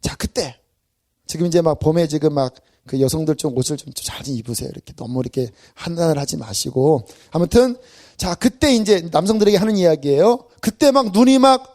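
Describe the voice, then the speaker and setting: A man's voice: high-pitched, fairly quick. A male pastor giving a Friday evening sermon in a church, acting out everyday scenes with self-deprecating humor. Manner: animated, acts out everyday scenes. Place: church sanctuary.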